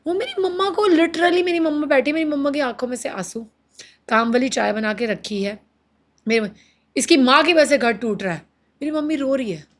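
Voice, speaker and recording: A woman's voice: high voice, moderate pace. A woman in her thirties as an interview guest, recounting her marriage with emotion, mixing Hindi and English and acting out what others said. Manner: animated, mixes Hindi and English, quotes others in acted voices.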